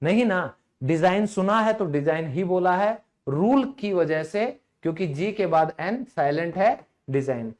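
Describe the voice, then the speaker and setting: A man teaching an online English lesson in a chatty way, slightly hoarse, quizzing viewers with rhetorical questions and slowing down to pronounce words. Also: high voice, expressive, a little mellow.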